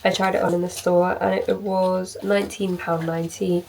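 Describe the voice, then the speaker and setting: A young woman chatting casually in a vlog, upbeat and full of fillers like "like", her voice a little hoarse. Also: fairly low pitch, level tone, normal speed, darkish tone, far from the mic, slight background noise, low-quality recording. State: slightly hoarse. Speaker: vlogger.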